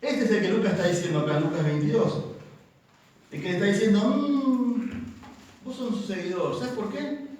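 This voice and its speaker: A man with an Argentine accent preaches emphatically, throwing questions out to his listeners. His fairly high voice rings through a very echoey church and sounds set back from the mic, with a faint hum of the room behind him. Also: darkish tone, far from the mic. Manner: emphatic, asks the congregation questions. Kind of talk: sermon.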